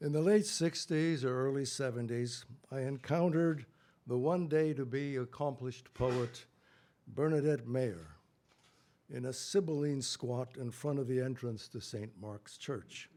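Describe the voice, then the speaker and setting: An older man giving a solemn, deliberate reading at a memorial event, with measured phrasing. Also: mid-range voice, warm tone. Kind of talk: solemn reading of a poem aloud.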